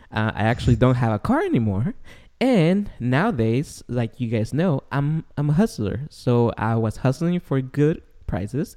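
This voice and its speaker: A young podcast host whose first language isn't English chats casually in a large, tall apartment room that echoes like an empty warehouse. His voice is mid-range and a little mellow.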